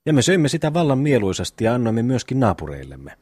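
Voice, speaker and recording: A man's voice: medium pitch, sing-song, a little mellow, slightly rough, no room sound. A man voicing a brash, bossy eldest peasant brother in a classic audiobook reading. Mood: blustering. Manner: bossy, quick to scold.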